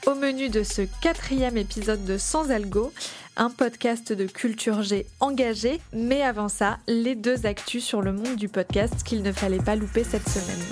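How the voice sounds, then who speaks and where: Woman podcast host, kinda high voice, scripted news narration, light music behind. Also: moderate pace, a little mellow.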